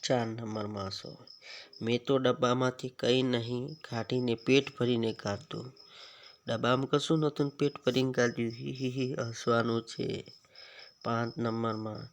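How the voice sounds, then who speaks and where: A man's voice: medium pitch, slight background noise. A man with a Gujarati accent, a teacher reading a story to schoolchildren and stopping often to ask them questions. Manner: slow, explanatory, asks the children questions.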